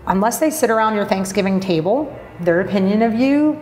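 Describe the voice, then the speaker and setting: Here a marketing blogger guesting on a podcast sounds animated and fairly quick, her medium-pitched voice slightly mellow. She answers the interview frankly, using lots of fillers and some curse words. Faint noise and a roomy echo come through in the audio.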